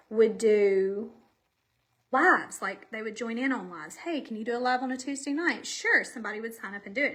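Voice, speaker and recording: A woman's voice: high voice, a bit bright. Chatty woman, slightly breathless. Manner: chatty and rambling, talks straight to viewers. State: a little out of breath. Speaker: makeup seller hosting a live stream. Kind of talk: casual makeup tutorial live stream. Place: at home. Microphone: camera facing her.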